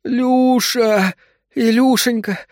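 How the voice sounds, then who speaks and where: A man's voice: very high voice, fairly even intonation, takes it slowly, a little mellow, dry recording, clean studio sound, pitched above the performer's own voice. Man voicing a frightened woman in labor. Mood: wailing. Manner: desperate, wailing pleas. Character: young woman in painful labor, frightened, pleading.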